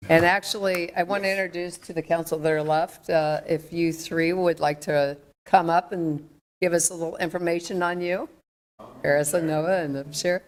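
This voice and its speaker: A woman with a low voice runs a city council work session. She moves the agenda along in a brisk, businesslike way. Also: steady tone. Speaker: council meeting chair. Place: council chamber.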